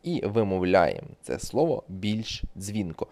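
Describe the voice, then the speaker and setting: A man's voice: low voice, big pitch swings, unhurried, vocal fry, a little mellow. A man giving a spoken grammar lesson as an English teacher, explaining patiently and repeating example words.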